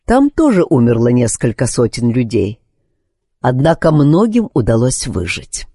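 A man reading an audiobook voices a calm, firm young nurse who speaks in a level, assured way. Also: medium pitch, unhurried, breathy edge, no room sound, clean studio sound, exaggerated voice.

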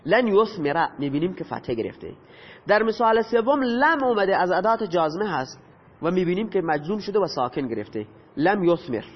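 A man's voice: high-pitched, sing-song, slightly rough. A man teaching a grammar lesson, patiently explaining and asking his students questions that he then answers himself. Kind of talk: lecture explaining Arabic grammar. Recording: dull lo-fi audio with long reverb.

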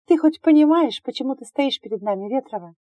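A woman voicing a stern uniformed female examiner who speaks in crisp, severe judgements. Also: high voice, expressive, brisk, dry recording, dull audio, pitched above the performer's own voice.

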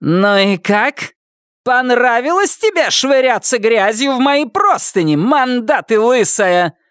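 A woman voicing a furious, spiteful, foul-mouthed woman who delivers slow, clipped threats. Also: medium pitch, very animated, smooth, dry recording, clean studio sound, voice pushed up.

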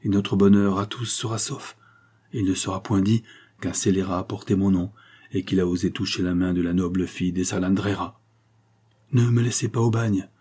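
A young nobleman from a storybook, speaking with fervent, tearful devotion, as a man reads him. The voice is low and dark, with a husky grain. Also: fairly even intonation, normal speed. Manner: emotional, fervent pleading. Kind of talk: audiobook character reading.

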